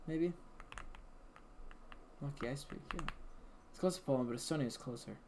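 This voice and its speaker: While playing a game on stream, a man from an English-speaking country talks casually with viewers, musing aloud with many restarts. His pitch is medium and his pace moderate. The recording picks up keyboard typing, mouse clicks and background noise.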